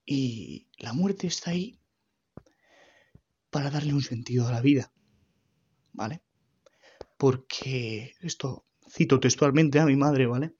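Man, husky voice, halting earnest testimony, muffled lo-fi sound. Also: medium pitch, darkish tone. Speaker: grieving son giving testimony. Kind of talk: personal faith testimony.

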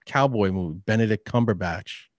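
A man's voice: fairly low pitch, moderate pace, dry recording, studio quality. A man from New York co-hosting a podcast, chatting casually, blunt and swearing freely. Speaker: podcast co-host. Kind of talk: casual chat.

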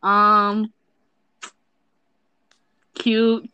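A young woman co-hosting a podcast, telling stories in casual chat with an expressive, giggly manner. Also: mid-range voice, extremely slow, smooth, no room sound, dull audio. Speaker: podcast co-host.

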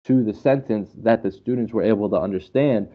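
Through a muffled, dull lo-fi recording, a brisk man with a lowish voice teaches English in a casual, eager way. He leans on anecdotes and says phrases again to stress them.

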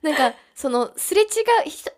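High, lively Japanese woman chatting. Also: moderate pace. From Hokkaido, Japan. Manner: lively storytelling with sound effects and laughter. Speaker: podcast co-host. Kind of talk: casual chat.

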